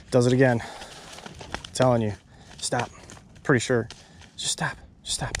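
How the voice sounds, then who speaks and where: A young man narrating casually while he fishes, chatting to the fish and to his viewers, recorded outdoors on a head-mounted camera. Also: mid-range voice. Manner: excitable, talks to the fish and viewers. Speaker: fishing vlogger. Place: outdoors at a pond bank. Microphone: head-mounted action camera. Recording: outdoor camera mic with nature noise.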